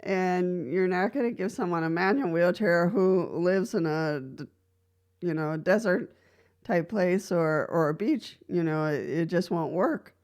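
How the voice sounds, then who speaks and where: A woman from Costa Rica, a wheelchair user, gives casual, practical advice to the camera from her own experience in an explanatory vlog. She speaks unhurriedly in a lowish, slightly mellow voice, laughing lightly between points and often beginning again with "so."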